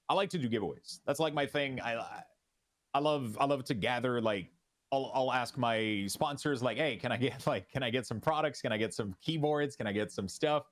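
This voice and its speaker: Here a man with a mid-range voice and a French Canadian accent talks informally while guesting in a streamer interview. French is his first language, and his relaxed delivery keeps breaking off and starting over.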